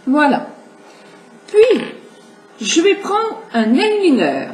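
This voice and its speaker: Her pitch sits high and swoops wildly as she draws out her words, her tone a little mellow. She's a middle-aged makeup tutorial host with a slight cold, talking viewers chattily through her routine step by step. An echoey room, faint hiss, and faint music fill the background.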